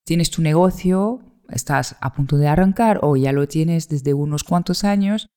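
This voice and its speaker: A woman from in her thirties talks straight to her listener in a solo podcast monologue. Her voice is mellow and warm, and she sounds like a coach sharing tools. Her delivery is reflective and unhurried. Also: sits low. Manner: reflective, conversational, gently coaching. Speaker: podcast host.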